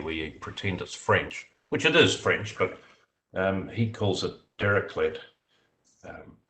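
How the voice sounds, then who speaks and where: A man explaining statistical software methods in a video meeting, measured and explanatory, with frequent fillers. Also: low voice, poor audio. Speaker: software developer answering committee questions. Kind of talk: technical discussion in a video meeting.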